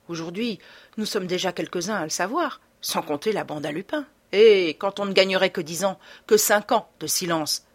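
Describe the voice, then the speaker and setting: A woman's voice: fairly low pitch, normal speed, natural voice. A woman voicing a solemn old police inspector. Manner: grave and solemn. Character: solemn self-important older male police inspector.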